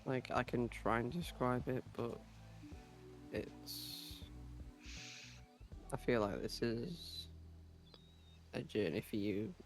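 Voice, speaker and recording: A young man in casual, intimate chat, speaking calmly and reassuringly. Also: mid-range voice, takes it slowly, pauses often, soft background music. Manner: calm, reassuring, quiet. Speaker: partner.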